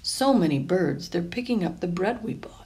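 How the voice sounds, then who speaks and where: Reading a picture book for children, this woman uses a voice on the low side. Her telling is deliberate and full of expression, and she dwells on each phrase.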